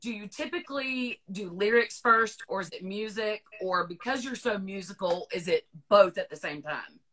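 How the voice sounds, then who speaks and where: A woman's voice: medium pitch, moderate pace, a bit bright, rough recording. A Southern woman from North Carolina hosting a podcast, asking questions in a chatty, rambling way. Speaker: podcast host. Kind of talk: casual interview chat.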